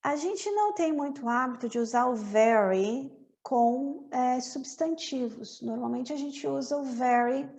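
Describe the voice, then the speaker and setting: A Brazilian woman teaching English, her voice high and edged with a gravelly fry. She talks at an unhurried pace, repeating phrases slowly and deliberately so learners can follow. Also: darkish tone. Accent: Brazilian Portuguese. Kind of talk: language lesson explaining film lines.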